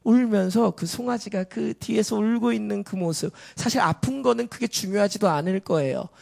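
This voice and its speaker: A man pastor preaching a sermon, telling a story through rhetorical questions and building to loud, urgent exhortation. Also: sits high, creaky.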